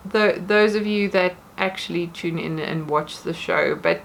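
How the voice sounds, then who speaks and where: A woman's voice: on the low side, a little slow, vocal fry, slight background noise. A woman vlogger chatting casually to camera from her bedroom at home, rambling in a self-deprecating way.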